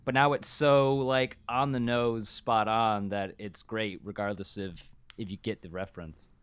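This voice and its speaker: A man co-hosting a podcast, talking casually in a relaxed, thoughtful way on a close mic. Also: lowish voice, measured pace, clear, resonant tone, dry recording. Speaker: podcast co-host. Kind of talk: casual chat.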